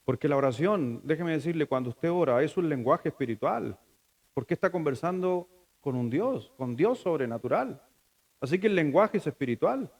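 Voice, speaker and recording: A man's voice: a little high, lively intonation, normal speed, darkish tone. A middle-aged man with a Chilean accent preaching a sermon in a conversational way, asking the congregation rhetorical questions and sometimes breaking off to restart. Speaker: pastor.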